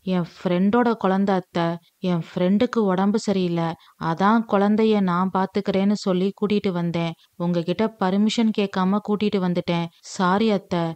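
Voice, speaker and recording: A woman reading aloud, voicing a quick-witted young wife who teases in lively banter, in a story recording. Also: mid-range voice, dry recording, muffled recording, lightly acted. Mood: playful.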